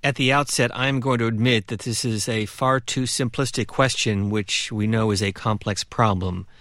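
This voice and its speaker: A man hosting an interview, asking questions in a slow, deliberate way. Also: on the low side, steady tone, a bit bright, dry recording, clean studio sound. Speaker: interview host.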